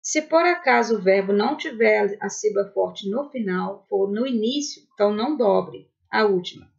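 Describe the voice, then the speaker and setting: A woman's voice: mid-range voice, animated, normal speed, creaky, lo-fi sound. A woman teaching an online English grammar lesson with a Brazilian Portuguese accent, patiently checking in with her students.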